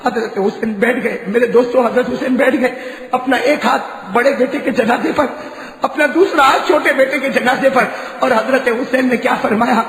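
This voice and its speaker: A male preacher telling a story in an impassioned sermon. He swings between shouted, high cries and low, hushed narration. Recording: echoey reverberant hall.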